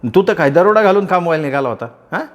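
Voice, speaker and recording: A man's voice: on the high side, lively intonation, fast, dull audio, voice pushed up, natural voice. A man voicing a fierce, protective older village mother who scolds defiantly. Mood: scolding.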